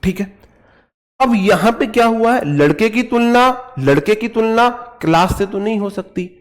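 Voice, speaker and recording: Man, young adult, north indian hindi accent, teasing teacher, slightly high voice, slow unhurried delivery. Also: animated. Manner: teasing, jokey, scolds students playfully, drills words slowly. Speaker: online English grammar teacher. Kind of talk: live online class, Hindi with English grammar terms.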